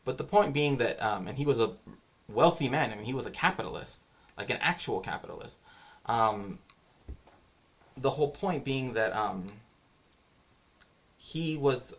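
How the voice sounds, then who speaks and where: Guy on a stream ranting casually, explaining stuff in an opinionated way, ordinary middle pitch. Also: a bit bright. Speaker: streamer and cultural historian. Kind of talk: casual livestream monologue.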